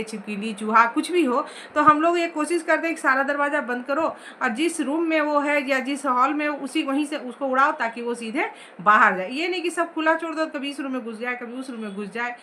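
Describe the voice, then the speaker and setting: A woman's voice: sits high, moderate pace, hardly any pauses, pushed and bright, a little hiss or hum. A woman teacher explaining a story chapter line by line, asking the class questions as she goes.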